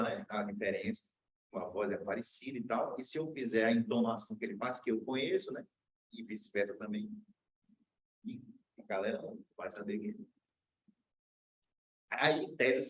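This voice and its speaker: A husky-voiced man from Brazil teaching a university law class. He lectures casually, mixing slang and personal stories into his explanations, with his voice at a middle pitch for a man. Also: rough recording. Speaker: law professor. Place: lecture room.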